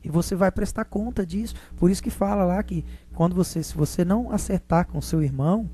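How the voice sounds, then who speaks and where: Preacher, mellow, repetitive sermon, keeps asking "né?", calls the flock beloved. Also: medium pitch, a little fast, soft background music. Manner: repetitive, tags nearly every phrase with a questioning "né?"; addresses listeners as "beloved".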